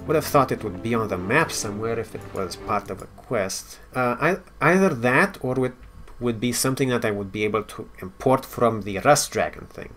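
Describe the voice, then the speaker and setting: A man's voice: medium pitch, lively intonation, normal speed, a bit bright, soft background music. A man giving casual gameplay commentary, thinking aloud with wry asides and now and then reading story text out. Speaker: game player and commentator.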